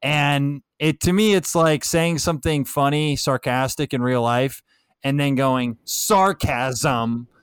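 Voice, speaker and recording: A man's voice: on the high side, steady tone, unhurried, smooth, dry recording. A young adult man, a comedian co-hosting a podcast, cracking wry, dry jokes. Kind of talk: casual chat.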